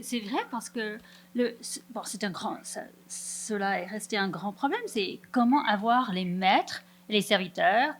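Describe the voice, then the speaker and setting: A woman lecturer replying to a question, restarting her sentences as she searches for words. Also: medium pitch. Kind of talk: academic Q&A answer.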